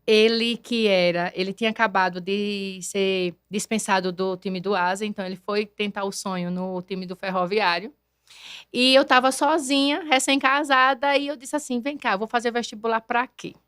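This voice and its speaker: A woman, a guest telling her story in a lively, animated way and acting out quoted voices. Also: medium pitch, moderate pace, clear, resonant tone, no echo, clean studio sound. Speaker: guest, math teacher and neuroscience educator. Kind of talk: conversational podcast interview.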